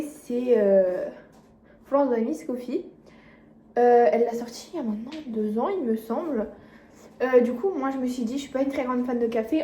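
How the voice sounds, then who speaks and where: Young woman vlogger, slightly high, mellow voice, rambling and self-mocking, phone mic in a roomy kitchen. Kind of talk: casual vlog chat. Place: home kitchen. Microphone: phone camera mic. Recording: echoey room, faint noise.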